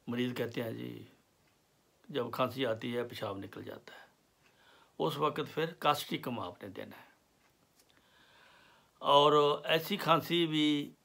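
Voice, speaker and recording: A homeopathy teacher gives a slow explanatory lecture on remedies, his medium-pitched voice edged with gravelly fry. He moves at a deliberate crawl, pausing often and filling gaps with soft hesitations and fillers as he runs through symptoms.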